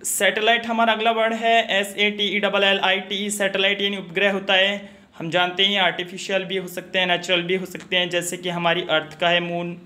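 A man teaching a spelling lesson, spelling words out letter by letter and explaining each meaning in a steady, instructional way, pausing on small hesitations. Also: high-pitched. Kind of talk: educational video lesson.

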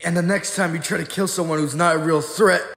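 A man's voice: fairly high pitch, steady tone, fast, fairly bright tone, big-room sound. A man voicing a brash, good-hearted martial-arts hero in an anime fan dub, talking in a plain, confident, colloquial way. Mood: taunting, defiant.

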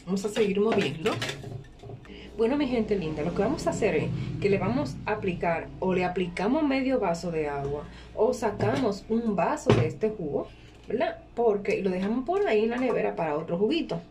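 With a sing-song, medium-pitched voice at normal speed, a home cooking vlogger casually shows a recipe step by step, repeating herself and checking in with her audience. She's in a small indoor kitchen at a workplace, and background kitchen noise comes through clearly.

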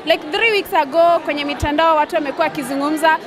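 A woman's voice: sits high, fast. A young woman with a Kenyan accent doing a casual entertainment interview on a handheld microphone. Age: young adult. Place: large indoor event hall. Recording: busy event hall, music and crowd behind.

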